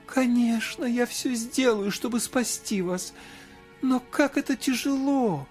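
A man's voice: very high-pitched, slow, a little mellow, faint music behind, voice pushed up. A man doing a tearful little girl. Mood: pleading. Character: small tender-hearted girl, tearful and kind.

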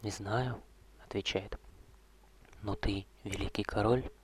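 A man doing a hushed old vampire courtier. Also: on the low side, steady tone, slight background noise. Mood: calm. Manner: soft, slow, hushed, often whispered. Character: old male vampire courtier, gentle, weary, ironic.

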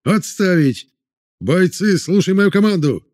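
A commanding military commissar bellows orders at a restless crowd in this audiobook scene, played by a male narrator. His voice is pitched far above normal speech and thrust forward in loud, clipped commands. The delivery stays forceful and insistent. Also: expressive, a little slow. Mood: barking orders.

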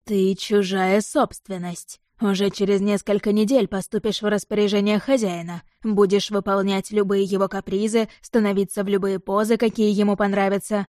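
A woman voicing an arrogant, furious male demon-dragon emperor who speaks slowly, hoarse and possessive. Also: mid-range voice, little pitch movement, mellow, no room sound, studio quality, lightly acted. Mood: contemptuous rage. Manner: slow, hoarse, possessive hissing.

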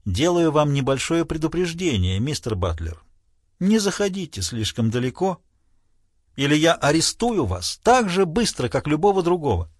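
A man's voice: a little high, big pitch swings, normal speed, no echo, clean studio sound. A man reading an audiobook, playing a grumbling, irritable police inspector who threatens arrest. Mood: menacing. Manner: grumbling, menacing, blustering.

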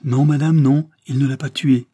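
Narrating an audiobook, a man voices a devoted elderly peasant nursemaid who speaks with earnest urgency, pleading in a raised, forceful pitch. His voice is husky and close to an everyday voice, at a moderate pace, recorded in studio quality with no room sound.

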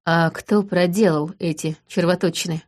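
Gentle young mortal man, quiet and low-pitched, wistful; a woman reader voices him. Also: fairly even intonation, normal speed, lightly acted. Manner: quiet, hushed. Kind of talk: audiobook reading.

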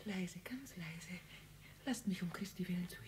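A woman's voice: lowish voice, fairly even intonation, a little slow, a little hiss or hum. A desperate aging mother. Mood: hushed pleading. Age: older. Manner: pleading, mostly in hushed whispers. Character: aging mother desperate to see her dying husband. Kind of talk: radio play acting.

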